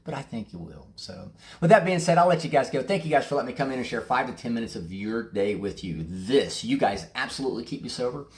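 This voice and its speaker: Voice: medium pitch, darkish tone. A recovery meeting host speaking candidly to viewers, blunt and passionate, swearing freely and restarting sentences often. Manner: rambling with repeated restarts. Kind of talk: candid recovery talk to camera.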